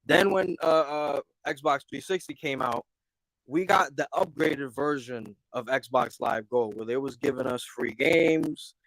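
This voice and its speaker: A man's voice: mid-range voice, fairly bright tone, no echo. Man on a clipping, distorted mic. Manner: halting, restarts often with repeated words. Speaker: guest on a gaming talk stream. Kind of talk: casual online chat.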